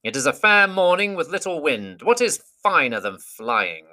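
Proud storybook eagle, lofty and looking down on others, high bright voice, a man acts it out. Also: sing-song, normal speed, full character voice. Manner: lofty and condescending.

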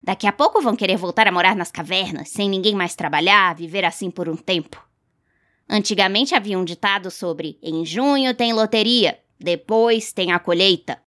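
A woman's voice: mid-range voice, normal speed, fairly bright tone, lightly acted. A woman doing a grumpy old villager. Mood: grumbling. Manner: petulant grumbling. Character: grumpy old village man, petulant and stubborn.

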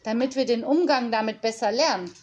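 A woman reading aloud and voicing a cheerful, whimsical female nanny who teaches a class with playful calm. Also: a little high, a little fast, lo-fi sound, lightly acted.

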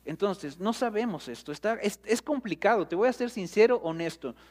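A man preaching a sermon as pastor, talking straight to his listeners in a conversational way and building up to loud, emphatic peaks. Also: high voice, expressive, normal speed.

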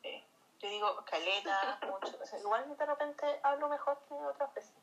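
A woman's voice: high voice, normal speed, dull audio. A Chilean woman with a Chilean accent chatting as co-host, laughing often and reading viewer comments aloud. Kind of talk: casual chat.

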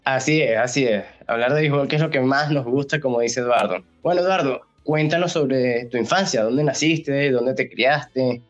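A man's voice: medium pitch, normal speed, few pauses, soft background music. A man co-hosting a podcast, asking the guest questions in a friendly, casual way. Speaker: podcast co-host.

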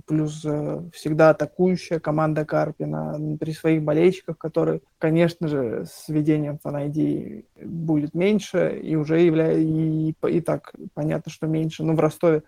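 Gravelly, dark-voiced male football pundit. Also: fairly high pitch, completely flat delivery, no room sound. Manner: halting, many fillers and restarts. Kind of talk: post-match discussion.

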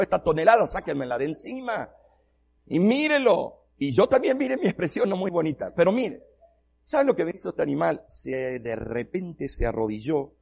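A male pastor preaches with animated, self-mocking humor. His voice is gravelly and husky, and sits a little high for a man. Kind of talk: humorous sermon storytelling.

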